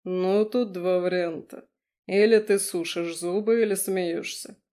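A woman's voice: on the low side, fairly even intonation, unhurried, warm tone, lightly acted. A woman reading an audiobook, voicing a brash, teasing male werewolf lover with a crude, purring manner. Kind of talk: audiobook character voice.

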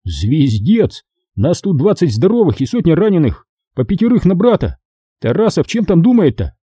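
A man voicing a mocking, wisecracking sergeant who talks in quick, joking exclamations. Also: on the high side, sing-song, mellow, breathy edge, dry recording, clean studio sound, pitched above the performer's own voice. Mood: wry banter.

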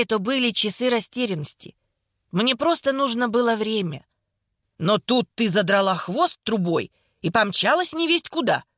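A woman doing a hoarse, sarcastic older woman. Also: mid-range voice, fairly bright tone, no echo, clean studio sound. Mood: hoarse, rueful. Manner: sarcastic, teasing. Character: sharp-tongued older woman in hospital bed.

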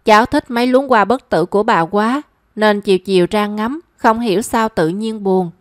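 A woman's voice: medium pitch, normal speed, dry recording, clean studio sound, close to an everyday voice. A woman voicing a shy, flustered young woman in a story.

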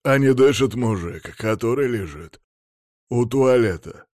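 Man doing a hoarse security chief. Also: medium pitch, lively intonation, a little slow, a little mellow, dry recording, clean studio sound, close to an everyday voice. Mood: urgent. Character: hoarse male club security chief, blunt.

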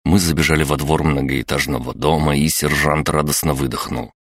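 A man narrating a fantasy audiobook in the first person, calm and measured with a wry edge. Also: very deep voice, no room sound, clean studio sound.

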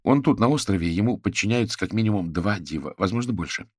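A man's voice: lowish voice, animated, quick pace, breathy edge, dry recording, studio quality, pitched above the performer's own voice. A man voicing a proud, talkative male sorcerer who sounds pleased with himself in an audiobook. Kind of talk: audiobook character voice.

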